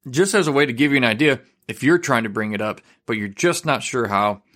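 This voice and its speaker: A man's voice: mid-range voice, lively intonation, fairly quick, fairly bright tone. A male podcast host with an electronically altered voice, talking in a chatty, easygoing way. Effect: voice altered to disguise identity. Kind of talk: casual podcast chat.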